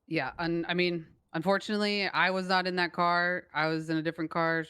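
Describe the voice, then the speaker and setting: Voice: mid-range voice, little pitch movement, a little fast, sharp tone, clean tone, dry recording. A person role-playing a gang member in a crime game, explaining in a hesitant, conciliatory way. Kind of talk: improvised role-play in an online crime game.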